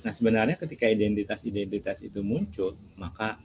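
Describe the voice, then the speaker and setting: A man's voice: on the low side, fast talker, music in the background, rough recording. A man giving a lecture to students, asking rhetorical questions and answering them himself. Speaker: seminar speaker.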